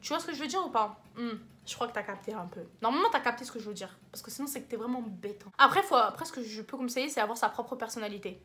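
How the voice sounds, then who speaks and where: A young woman chats to camera with a French accent, rambling through slangy advice and teasing herself along the way. Her voice sits a little high and the words tumble out fast. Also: animated, sharp tone. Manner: rambling, slangy, self-mocking. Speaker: vlogger. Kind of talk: casual advice vlog.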